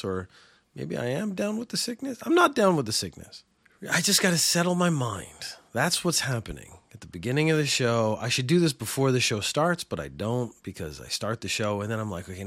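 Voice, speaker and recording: A man with a mid-range, slightly bright voice hosts a small podcast alone, rambling through a casual rant in a sarcastic, opinionated way. There is no echo on the recording.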